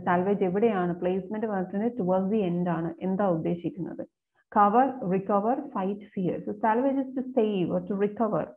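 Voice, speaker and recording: A woman teaching an exam-prep class. She reads each question out slowly and then explains it at a quicker pace. Her voice comes through thin and tinny, like a phone line, at a medium pitch. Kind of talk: explaining exam questions, mixing Malayalam and English. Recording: phone-like narrow sound.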